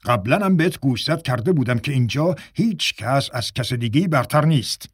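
A man's voice: mid-range voice, expressive, slightly rough, dry recording, clean studio sound. A male narrator voicing a stern, irritable theatre director who scolds a late actor in a raised, commanding voice. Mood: angry.

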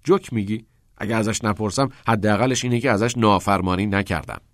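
A man voicing a headstrong teenage schoolboy who bursts out excitedly and insists, in an audiobook reading. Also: lowish voice, no echo, studio quality, close to an everyday voice. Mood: defiant. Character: eager, headstrong teenage schoolboy dreaming of acting.

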